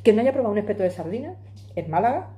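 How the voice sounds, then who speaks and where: Very animated and very fast, this woman's mid-range voice has a mellow quality. She's a forty-something from Madrid, Spain, vlogging in her home kitchen, eating while she chats to a phone camera on the table, emphatic and gesturing with her hands.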